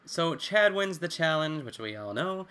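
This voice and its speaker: Bright-voiced chatty man recapping. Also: a little high, a little slow, slight background noise. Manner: chatty, expressive, acts out quotes, swears casually. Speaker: podcast co-host. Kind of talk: casual recap chat.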